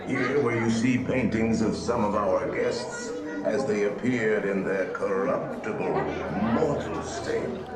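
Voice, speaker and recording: An actor voicing a sinister, mockingly polite ghost host in a theme park haunted house, speaking with grand, macabre, dark-lord menace. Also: male voice. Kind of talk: scripted theme park attraction narration. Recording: booming echo, distant, crowded ride room. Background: crowd in an indoor attraction.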